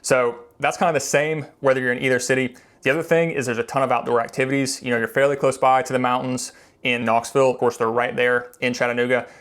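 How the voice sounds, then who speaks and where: A man's voice: mid-range voice, level tone, quick pace, a bit bright. A man from Tennessee presenting in a casual, explanatory way, pointing things out conversationally as a local guide. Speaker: local real estate video presenter.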